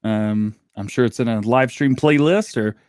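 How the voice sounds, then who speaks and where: A man hosting a casual podcast chat, animated and laughing a lot. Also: medium pitch, moderate pace, clear, resonant tone, no echo, studio quality. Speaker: show host.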